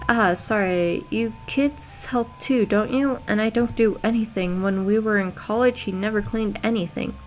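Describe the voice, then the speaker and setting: A woman reading aloud a gentle, chatty young woman in a video game, soft-spoken. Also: mid-range voice, normal speed, hardly any pauses, slight background noise, natural voice. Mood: fond.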